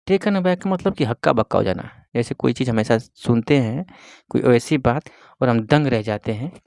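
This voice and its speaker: Slow, deliberate male teacher. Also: mid-range voice, darkish tone, dry recording, studio quality. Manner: reads English words slowly one at a time, then explains; asks and answers his own questions. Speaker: English teacher. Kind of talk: bilingual grammar lesson reading a story aloud.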